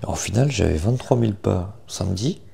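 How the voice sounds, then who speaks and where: A young man chatting casually in a morning vlog, informal and self-deprecating, with a gravelly morning voice full of vocal fry. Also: low-pitched, animated, fairly quick, mellow. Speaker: vlogger.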